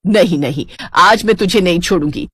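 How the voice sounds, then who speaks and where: A woman voicing a sharp-tongued middle-aged mother-in-law in a storybook tale, scolding and vengeful. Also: lowish voice, normal speed, slightly rough, no echo, clean studio sound. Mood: furious. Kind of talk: storybook character voice.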